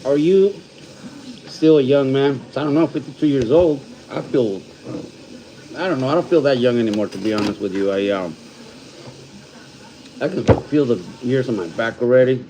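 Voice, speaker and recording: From his home in California, a man in his fifties hosts a casual livestream, reading viewer comments and slowly calling out names as he thanks people warmly. He mixes Spanish phrases into his English. His pitch is medium, and the rough recording carries a little hiss or hum.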